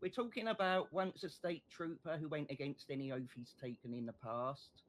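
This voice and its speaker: Guy doing a prosecutor in a game courtroom rp, passionate closing argument, slightly high voice. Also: fairly even intonation, moderate pace, close to an everyday voice. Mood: accusing, impassioned. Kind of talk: improvised courtroom role-play.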